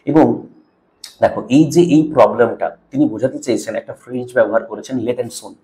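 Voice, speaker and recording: A man with a Bengali accent giving an exam-prep literature lecture, explaining a poem step by step. He checks in often with "okay?" and slows right down to spell out key English terms. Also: medium pitch, warm tone, a little hiss or hum. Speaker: literature teacher.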